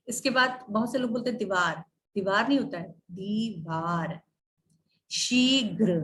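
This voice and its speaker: A woman teacher explaining spelling and pronunciation in a recorded lesson, drawing out each example word slowly. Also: fairly high pitch, a bit bright. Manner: slow, drawn-out enunciation of example words. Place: online class video.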